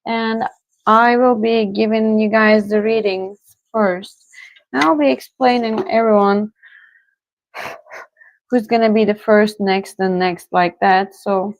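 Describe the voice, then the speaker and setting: On a rough recording without room sound, a woman from Turkey with a medium-pitched voice hosts a live tarot stream. Her casual chat with viewers is slow and relaxed, dotted with soft laughter.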